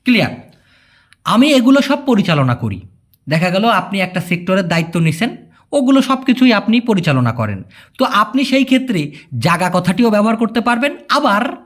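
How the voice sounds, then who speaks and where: A Bengali-speaking man teaching a casual language lesson, patiently explaining and repeating each word slowly. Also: sits high.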